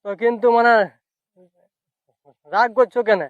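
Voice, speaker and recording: A man speaking haltingly in a clip, stumbling over his words. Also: very high-pitched, steady tone, no room sound. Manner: stammering, halting. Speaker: content creator in a played clip. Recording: tinny phone-like clip, dry.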